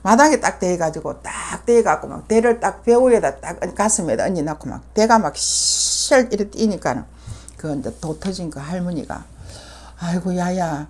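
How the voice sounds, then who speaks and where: A woman's voice: on the low side, animated, normal speed. Older Gyeongsang woman telling her story. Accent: Gyeongsang Korean. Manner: vivid retelling with many fillers, acting out others' words. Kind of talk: casual storytelling.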